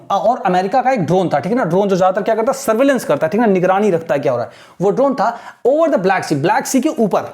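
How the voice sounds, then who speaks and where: A woman with an Indian accent teaching an English editorial, reading lines slowly and explaining each one with a repeated "theek hai na". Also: medium pitch, a little mellow.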